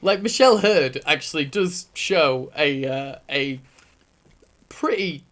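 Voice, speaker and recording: A fairly high-voiced man co-hosting a casual podcast. He talks in an animated, jokey way, swears freely and often trails off mid-thought. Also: slow pace. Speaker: podcast co-host. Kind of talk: casual chat.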